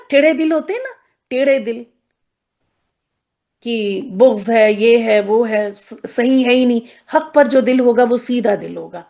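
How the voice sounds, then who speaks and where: A woman teaching Quranic Arabic to women students, often checking if they follow and slowing down to drill each word. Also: fairly high pitch, darkish tone. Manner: checks in often with "okay?", drills words slowly. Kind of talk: explanatory lesson to women students.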